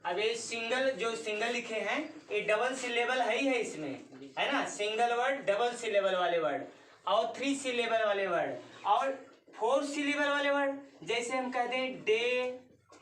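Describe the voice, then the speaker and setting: A woman's voice: fairly high pitch, animated, normal speed, fairly bright tone, a little hiss or hum. A woman teacher who gives a classroom grammar lesson. She dictates definitions word by word, repeats terms, and asks the class questions before answering them herself. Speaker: English teacher. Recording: roomy sound from a mic at a distance.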